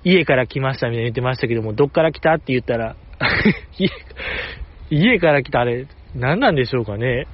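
This fast-talking, animated podcast host has a mid-range voice, and the highs are cut off in the recording. Hosting solo and casually, he rambles with a fan's excitement and light self-mockery.

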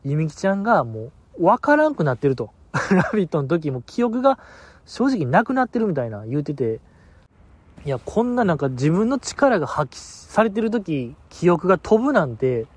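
A man's voice: a little high, sing-song, moderate pace, husky, no room sound. A man hosting a podcast alone, chatting casually in a rambling, self-mocking and sleepy way. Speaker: podcast host. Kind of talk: casual solo podcast chat.

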